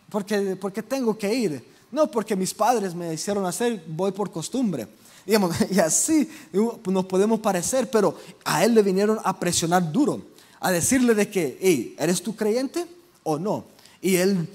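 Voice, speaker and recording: A man's voice: high voice, a little mellow. A young man preaching a sermon in a conversational way, asking the audience questions and acting out quoted voices. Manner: conversational, asks the audience questions, many fillers.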